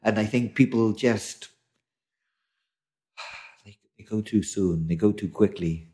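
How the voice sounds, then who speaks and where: Playful podcast host. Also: male voice, lowish voice, slow, warm tone. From South Wales. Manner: playful, laughs often, fond of mock accents. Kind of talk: casual podcast chat.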